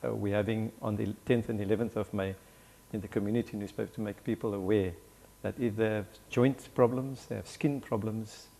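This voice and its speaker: Gravelly doctor, measured. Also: male voice, fairly low pitch, steady tone, mellow. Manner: measured, explanatory. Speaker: doctor guest. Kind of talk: studio talk-show interview.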